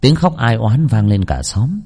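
A man narrating a ghost story in an expressive storytelling manner. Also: fairly low pitch, measured pace, husky.

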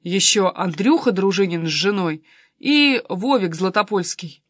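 Lady reading as a loud pushy cousin guy, blunt, no room sound. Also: medium pitch, animated, unhurried, dry recording, clean studio sound. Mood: brusque. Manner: blunt, exclamatory, impatient. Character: brash, excitable adult male cousin.

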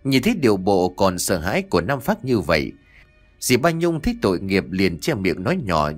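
A man narrating a spooky story in an expressive, animated storytelling manner. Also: on the low side, moderate pace, soft background music. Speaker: audiobook narrator.

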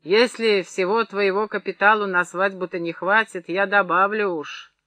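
A male audiobook reader voicing a drunk, boastful rich old gold-mine owner who talks loudly and swaggers. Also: high-pitched, steady tone, normal speed, no room sound. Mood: swaggering. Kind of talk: audiobook character voice.

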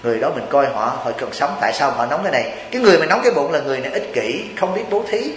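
A man's voice: on the high side, lively intonation, rapid-fire, echoey room, in a large hall, a little hiss or hum, low-quality recording. A Buddhist monk from Vietnam gives a chatty, joking sermon, teasing his listeners and asking them rhetorical questions.

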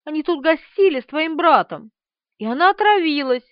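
A woman's voice: high-pitched, expressive, normal speed, dry recording, pitched above the performer's own voice. A woman doing a weepy meek steward. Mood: rambling. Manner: weepy, rambling. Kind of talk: audiobook character voice. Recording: slightly dull, dry.

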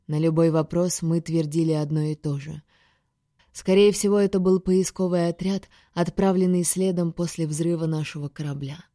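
A woman reading a first-person science-fiction audiobook with steady, expressive narration. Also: lowish voice, normal speed, dry recording, clean studio sound. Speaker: audiobook reader.

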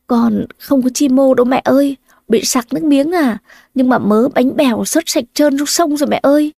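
A woman's voice: sits high, normal speed, vocal fry, warm tone, dry recording, clean studio sound, pitched above the performer's own voice. Woman voicing a desperate young river vendor. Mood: reassuring. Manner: muttering, desperate. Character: hardworking young woman boat vendor, devoted.

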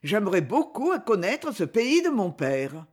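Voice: medium pitch, sing-song, a little slow, darkish tone. A reader voicing a friendly, eager young man talking to a duke. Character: warm-hearted young brother.

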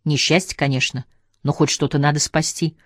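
Woman reading as a timid, gentle young husband. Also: sits low, steady tone, moderate pace, no room sound, studio quality. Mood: coaxing.

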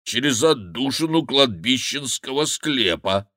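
A man voicing a fat, cowardly male monk who wails and pleads loudly, in a high, drawn-out voice in an audiobook. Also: lively intonation, dry recording, studio quality. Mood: pleading. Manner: wailing, pleading, loud lamenting.

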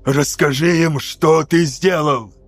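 A man voicing a furious veteran male sergeant-major, gruff and menacing. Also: fairly high pitch, fairly even intonation, takes it slowly, no room sound, faint music behind.

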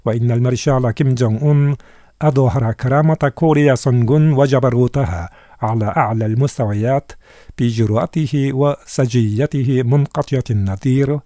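A man reading scripted news in a slow, measured, solemn delivery. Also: mid-range voice, mellow, no room sound, studio quality. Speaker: news reader.

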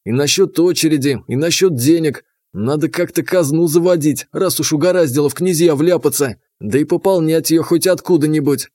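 A man's voice: fairly high pitch, moderate pace, few pauses, darkish tone, no room sound. A man narrating an audiobook in the first person, dry and sardonic.

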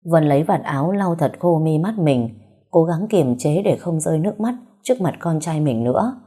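Low-voiced woman narrating a story. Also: expressive, moderate pace, warm tone, husky.

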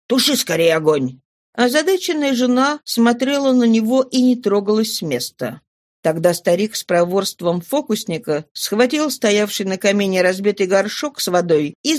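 A woman narrating a classic novel as an audiobook in an even, measured storytelling manner. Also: mid-range voice, no room sound.

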